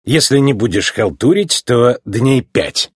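A man voicing a stern, gruff old male car who speaks in a low, measured way. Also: animated, no echo, clean studio sound. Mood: curt.

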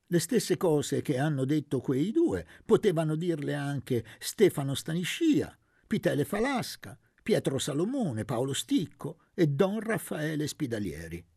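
A man voicing a young peasant leader in a read-aloud novel, orating with a husky, gravelly voice. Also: fairly high pitch, very animated, a little slow, a little mellow, dry recording, clean studio sound, voice pushed up, exaggerated voice. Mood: rousing.

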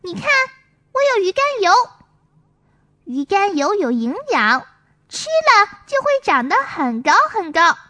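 Storybook boastful little boy, a woman voicing him, very high, bright and excited. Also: a little slow, full character voice. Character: small boastful boy, eager to grow up.

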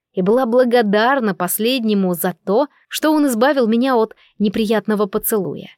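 A woman's voice: a little high, darkish tone, dry recording. Woman narrating a novel, dry close sound. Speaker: audiobook narrator. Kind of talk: first-person novel narration.

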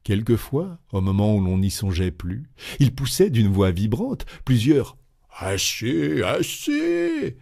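A man reading a classic novel aloud in a measured, expressive narration. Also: lowish voice. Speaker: audiobook reader.

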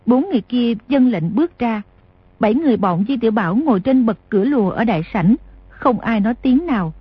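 A woman narrating an audiobook in a steady, measured reading voice. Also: fairly high pitch, husky, highs cut off. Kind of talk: scripted narration.

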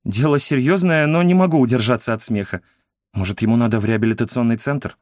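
A man voicing a kind, gentle middle-aged woman who speaks in a lively, teasing way. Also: mid-range voice, fast, dry recording, studio quality, lightly acted. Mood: amused.

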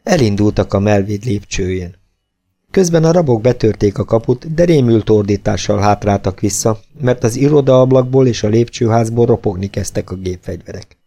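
A man narrating an audiobook in a steady, measured reading voice. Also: lowish voice.

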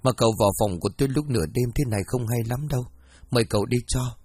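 A man's voice: medium pitch, quick pace, a little mellow, slightly rough, dry recording, close to an everyday voice. A man voicing a frightened eighteen-year-old young wife who stammers and pleads, in a storybook reading.

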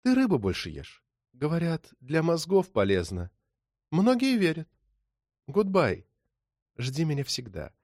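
A man voicing a mysterious caller who taunts politely in a soft, hushed way. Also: fairly low pitch, big pitch swings, normal speed, dry recording, studio quality. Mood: taunting. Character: mocking mysterious male caller, coolly menacing.

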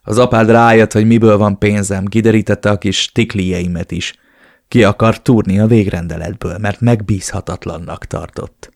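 A man's voice: on the low side, no echo, studio quality, natural voice. A man voicing a smug, cruel male villain who taunts and threatens. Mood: mocking. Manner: mocking, taunting.

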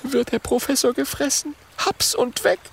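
A man voicing a small, eager young male dragon who talks in a quick, chirpy, cheeky way. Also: very high-pitched, flat delivery, vocal fry, slightly rough, pitched above the performer's own voice, exaggerated voice.

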